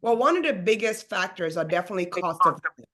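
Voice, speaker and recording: A Swedish woman who works as a realtor and business coach hosts a webinar over a video call. Her voice sits on the low side yet sounds a bit bright, and she talks fast and animatedly. The mood is casual, upbeat and chatty.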